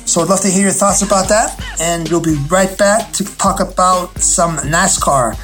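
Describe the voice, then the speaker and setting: A man hosting a sports radio show, talking in a halting, hesitant way with frequent pauses. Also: high-pitched, a bit bright, soft background music. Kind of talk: loosely scripted sports talk commentary.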